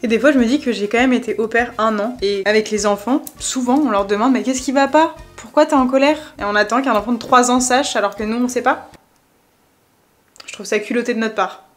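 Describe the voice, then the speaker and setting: A woman's voice: on the high side, fairly even intonation, brisk, faint music behind. Chatty young woman vlogging at home. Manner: frank, self-mocking, lots of fillers. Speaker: lifestyle vlogger. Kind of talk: candid chatty vlog talk. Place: at home in her kitchen.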